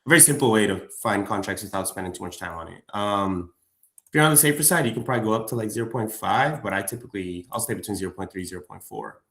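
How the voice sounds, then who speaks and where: A man talks casually through a live trading stream, rambling and filling gaps with "like" and "uh". His voice carries a gravelly, creaky texture at a middling pitch. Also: fast, fairly bright tone. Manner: loose, chatty, lots of fillers and slang. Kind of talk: casual livestream chat.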